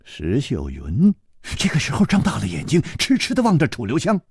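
A male storyteller narrating a long-form tale in an expressive, animated way. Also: medium pitch, normal speed, husky, dry recording, clean studio sound.

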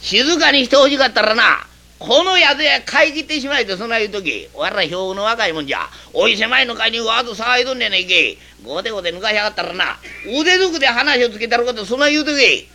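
A man's voice: high voice, sing-song, brisk, full character voice. A man doing a rowdy young Kansai reveler. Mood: bragging, threatening. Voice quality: loud, brash, threatening. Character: rowdy, boastful young male traveler partying at an inn. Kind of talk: Kamigata rakugo storytelling.

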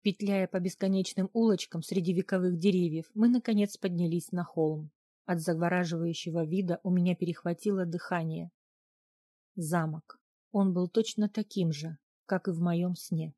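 A woman narrating a novel in the first person in an even, reflective reading. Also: lowish voice, moderate pace, no room sound, clean studio sound. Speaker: audiobook narrator.

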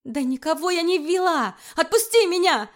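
A woman voicing a fiery young female archer who shouts back in a shrill, high voice. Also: lively intonation, moderate pace. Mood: defiant, shouting.

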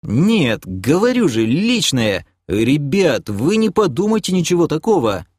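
A man's voice: on the high side, sing-song, a little slow, darkish tone, breathy edge, dry recording, clean studio sound, pitched above the performer's own voice, full character voice. A man voicing a nervous, embarrassed male healer who pleads in a flustered way. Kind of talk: audiobook character voicing.

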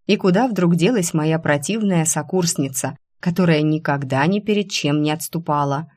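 A woman voicing a sharp-tongued young female classmate who scolds and mocks in a sarcastic way, in an audiobook. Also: low-pitched, moderate pace. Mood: mocking. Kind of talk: audiobook character voice.

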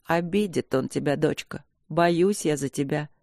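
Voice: medium pitch, a little slow, creaky, a little mellow, no room sound, clean studio sound. A reader voicing a blunt, worried older mother who scolds her grown daughter tenderly, in an audiobook. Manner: plain-spoken, scolding and tender.

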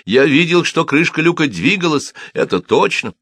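A man reading the part of a furious male cobbler who shouts frantic alarms at soldiers. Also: sits low, animated, brisk, vocal fry, dry recording, full character voice. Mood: alarmed shouting.

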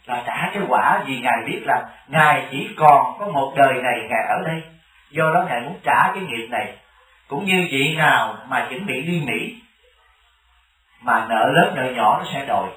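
A man's voice: medium pitch, expressive, normal speed, sharp tone, a little hiss or hum. A man, a Buddhist monk giving a sermon, telling stories and often asking his listeners questions. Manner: storytelling, often asks the audience questions. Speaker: Buddhist monk teaching a congregation. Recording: echoey hall, distant mic.

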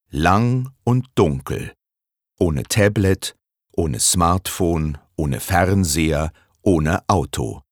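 A man reading a story aloud in an expressive, deliberate manner. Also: sits low, no echo, clean studio sound. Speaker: narrator.

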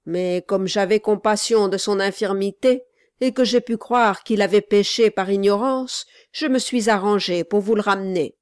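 A woman reading as a stern gentleman magistrate. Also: medium pitch, moderate pace, smooth, dry recording, clean studio sound, natural voice. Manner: stern, curt, lecturing. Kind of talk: audiobook character reading.

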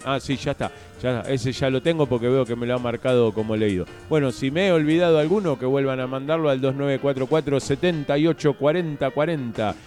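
A man's voice: medium pitch, fairly quick, few pauses, a little mellow, faint music behind. A man with an Argentine accent co-hosting a school community radio show, chatty and reading out listener messages. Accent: Argentine Spanish.

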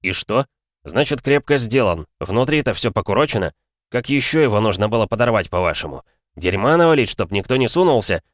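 A man's voice: lowish voice, lively intonation, a little fast, dry recording, clean studio sound, natural voice. A man voicing a blunt male tank commander who barks orders in battle. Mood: cold, blunt. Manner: barked orders, blunt and cold.

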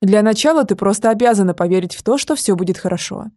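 A woman's voice: mid-range voice, animated, fast, a little mellow, dry recording, studio quality, close to an everyday voice. Woman voicing a fierce protective dragon. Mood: insistent. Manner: urgent, insistent, pressing.

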